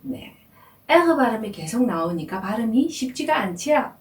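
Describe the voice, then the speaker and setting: A woman teaching French, explaining pronunciation slowly and carefully. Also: a little high, big pitch swings, reverberant, far from the mic. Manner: slow, careful explanation with drawn-out demonstration words. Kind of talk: language lesson.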